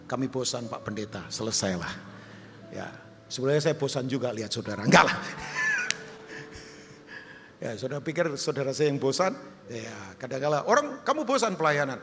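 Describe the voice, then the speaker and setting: A male pastor preaching a sermon, animated and humorous, jumping high for questions and quoted voices and dropping low and soft for appeals. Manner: humorous storytelling with asides to the congregation. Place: large church hall. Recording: long hall reverb.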